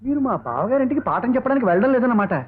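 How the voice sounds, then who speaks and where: A brash young rickshaw puller talks quickly in a very high voice. It comes from an old film comedy with a dull, lo-fi sound. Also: male voice, animated. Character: young man pedaling a rickshaw. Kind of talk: 1980s film comedy dialogue.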